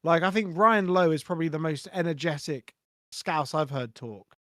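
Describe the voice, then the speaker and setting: A man co-hosting a football fan podcast, tossing out jokes and banter. His voice sits a little high for a man. The sound is close and dry, with no room in it. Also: a bit bright, no room sound. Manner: jokey, quick banter. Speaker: podcast co-host. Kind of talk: casual fan chat.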